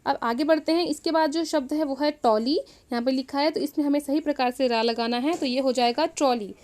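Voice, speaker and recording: A woman's voice: high-pitched, a little mellow. A woman teacher explaining a worksheet to young children, patiently repeating words and calling them "children". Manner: patient, repeats each word, addresses "children" often.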